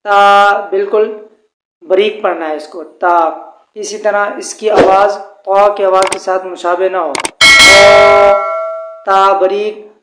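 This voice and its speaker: A man teaching a tajweed pronunciation lesson, speaking slowly and formally and drawing out the letters he demonstrates. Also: high voice, steady tone, slight background noise. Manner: slow, formal address with drawn-out demonstrated letters. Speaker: Quran recitation teacher. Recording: echoey room.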